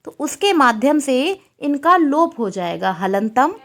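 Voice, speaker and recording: A woman's voice: high-pitched, big pitch swings, a little slow, fairly bright tone. A woman teaching a Sanskrit exam-prep lecture, asking questions and repeating the answers.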